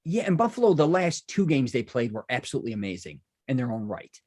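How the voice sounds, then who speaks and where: Fast and very animated, the Chicago man hosting this podcast has a medium-pitched, slightly mellow voice. He rambles through a casual interview chat, restarting and sidetracking often.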